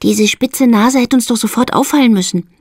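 A woman voicing a teasing schoolgirl, pitched well above her own voice. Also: normal speed, a little mellow, dry recording, clean studio sound, natural voice.

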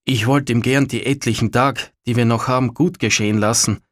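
A man voicing a brooding old farmer father who grumbles in a halting way. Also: medium pitch, fairly even intonation, fairly bright tone, dry recording, studio quality, lightly acted. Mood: gruff.

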